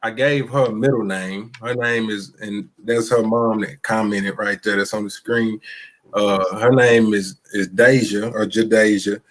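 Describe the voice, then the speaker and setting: A man with an East Texas country twang, a basketball coach telling loud, animated stories in a casual live interview. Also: fairly low pitch, unhurried.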